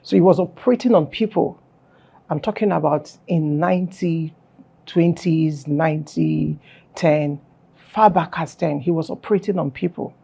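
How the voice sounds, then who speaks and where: Guesting on an interview, a film festival founder speaks at normal speed in a low, warm, slightly rough voice with vocal fry. She explains her beliefs earnestly and firmly, putting stress on key words.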